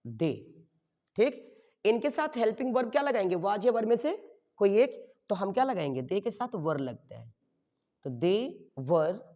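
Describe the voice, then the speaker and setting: A man's voice: sits high, big pitch swings, measured pace, dark tone. Male tutor, quizzing style, keeps checking the class understands; recorded dull with a long reverb tail. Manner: quizzes the class and answers his own questions; checks in with "okay?" after each step. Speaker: teacher. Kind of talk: grammar lesson.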